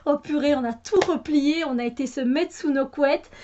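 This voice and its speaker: A Belgian woman with a high voice talks casually to her viewers, stumbling through restarts and fillers as she goes. Her Belgian French accent colours the chat. The recording is a little dull and lo-fi. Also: moderate pace, dark tone, a little hiss or hum. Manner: chatty, hesitant with many fillers and restarts. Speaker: YouTuber.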